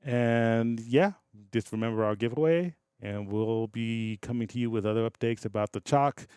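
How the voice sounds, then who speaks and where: A man's voice: medium pitch, normal speed, darkish tone, clean tone, no room sound, clean studio sound. A man co-hosting a podcast in casual chat, rambling and laughing often, trailing off mid-thought. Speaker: podcast co-host.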